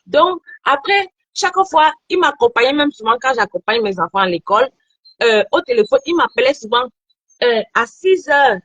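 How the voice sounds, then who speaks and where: A woman in her thirties telling a story in an animated, repetitive way during a casual chat. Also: high voice, normal speed, no room sound, muffled recording. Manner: animated storytelling, repeats phrases.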